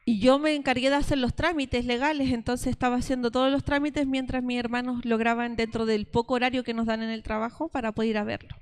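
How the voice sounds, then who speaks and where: A woman's voice: on the high side, steady tone, quick pace, few pauses, clean tone. A Chilean woman in her thirties giving a testimonial sermon, telling stories and speaking straight to her listeners as sisters. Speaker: preacher addressing a women's church group.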